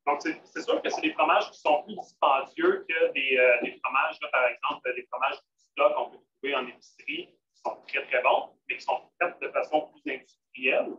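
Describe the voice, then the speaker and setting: With a Québécois French accent, a man who cooks at a vegan restaurant hosts a live vegan cooking demo in a relaxed way, loaded with fillers and restarts. His mid-range voice is pushed and bright, moving at a moderate pace with hardly any pauses. The recording sounds dull, roomy and distant, with a little noise.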